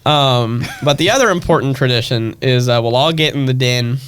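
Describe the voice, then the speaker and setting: A young man, a stage actor, telling family stories in a chatty, animated way and acting out their voices. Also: medium pitch, normal speed, clean tone. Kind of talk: casual storytelling chat.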